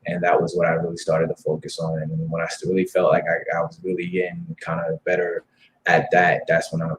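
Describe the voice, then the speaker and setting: A man in his thirties talking as a guest in a casual interview, relaxed and friendly and quick to laugh. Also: deep voice, a little hiss or hum, rough recording. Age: 30s. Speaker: guest comic creator.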